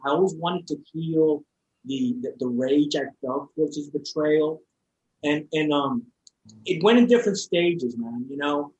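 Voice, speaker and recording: Heartfelt, halting man telling his story. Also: a little high, low-quality recording. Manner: halting, repeats words and restarts often; heartfelt and open. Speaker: interview guest. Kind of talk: personal storytelling in a podcast conversation.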